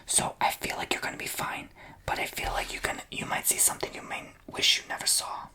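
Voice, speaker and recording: A woman tarot reader giving a sassy, blunt reading, almost entirely in a whisper that often rises to a whisper-shout. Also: fairly quick, rough recording.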